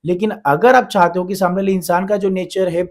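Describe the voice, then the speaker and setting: A man's voice: sits high, steady tone, brisk. A man giving relationship advice as a coach, lecturing earnestly and with a lot of repetition. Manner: earnest, repetitive lecturing, acts out complaints of the people he advises. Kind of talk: advice monologue to camera.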